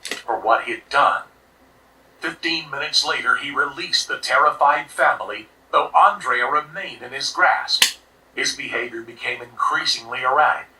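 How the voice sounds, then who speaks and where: A man giving scripted true crime narration in a steady, serious way, played back from a video. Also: mid-range voice, normal speed, far from the mic, slight background noise, low-quality recording. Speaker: documentary narrator.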